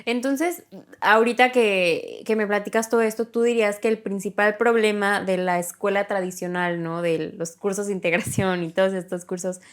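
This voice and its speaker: A woman's voice: mid-range voice, steady tone, normal speed. Woman host asking long questions. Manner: brief affirmations and long follow-up questions. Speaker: interviewer, host. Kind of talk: conversational interview.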